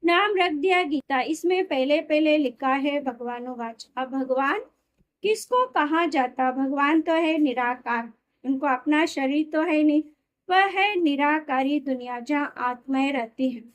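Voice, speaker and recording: A woman reading a spiritual discourse aloud in a steady, explanatory way, sometimes correcting herself mid-word. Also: high-pitched, measured pace. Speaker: reader of a daily spiritual discourse.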